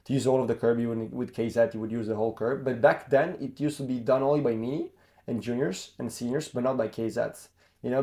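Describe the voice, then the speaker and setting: A young adult man, a former racing driver, casually telling an anecdote to camera, acting out quoted lines and often restarting his sentences. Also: medium pitch. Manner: lively anecdote-telling, acts out quoted dialogue; frequent restarts and self-corrections.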